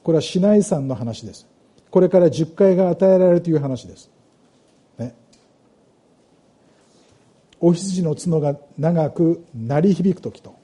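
A man's voice: a little high, warm tone, breathy edge. A middle-aged man preaching a sermon, reading scripture aloud and asking the congregation questions. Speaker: pastor.

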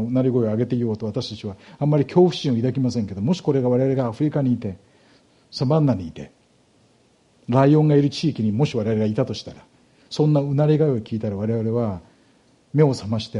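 Male pastor delivering an expository sermon; dark, husky voice, patient teaching manner. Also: medium pitch, muffled recording. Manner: explanatory, measured, with rhetorical questions to the congregation.

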